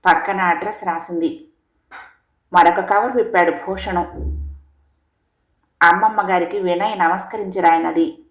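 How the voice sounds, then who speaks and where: A woman storyteller narrating a scripted story in a steady, measured way. Her voice is fairly low. A roomy echo follows her lines. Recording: echoey room.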